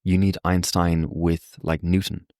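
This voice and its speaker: Podcast guest, young man, deep voice, lively storyteller, close dry sound. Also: a little slow, no echo. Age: young adult. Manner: animated, acts out quoted voices, frequent fillers. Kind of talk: reflective conversational explanation. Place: Ireland.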